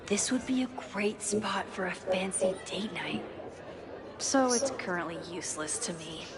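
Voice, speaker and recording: A wry young heroine, voiced by a woman, trades dry remarks and quiet inner thoughts in a story game. Her voice sits in an ordinary middle range. It comes through game audio with a loud crowd and heavy noise behind it. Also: mid-range voice, unhurried, natural voice. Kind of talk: game dialogue and inner monologue.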